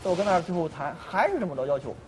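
A man's voice: on the high side, big pitch swings, rapid-fire, over music. A man in his thirties recounting a family property dispute to a mediator, earnest and repeating himself.

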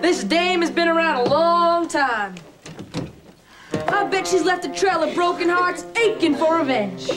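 A man's voice: very high-pitched, lively intonation, a little slow, over music. A young teenage boy actor playing a brash, hard-boiled 1930s beat cop in a TV drama. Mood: cocky. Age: young teen. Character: boy playing a tough old-time cop interrogator.

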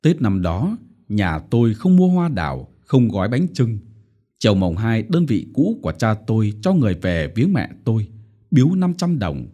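A man narrating a short story as an audiobook in a measured storytelling manner. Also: fairly low pitch, big pitch swings, warm tone, dull audio.

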